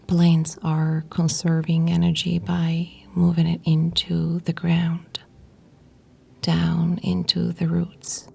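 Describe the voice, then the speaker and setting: This guided meditation narration comes from a woman leading yoga nidra, with a voice on the low side and dark in tone. She sounds breathy, whispery and husky, calm and unhurried, and she pauses between short phrases.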